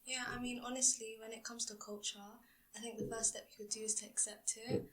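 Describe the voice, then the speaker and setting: A woman's voice: a little high, level tone, fairly quick, a bit bright, distant mic, low-quality recording. A teenage female student chatting casually in a school podcast, with frequent "like" fillers. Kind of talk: casual discussion.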